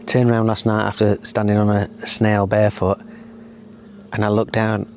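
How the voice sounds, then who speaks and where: A middle-aged man with a fairly low voice, co-hosting a casual podcast chat outdoors in a garden. He tells stories in a chatty way and gets animated when he rants. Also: moderate pace, slight background noise. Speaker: podcast co-host.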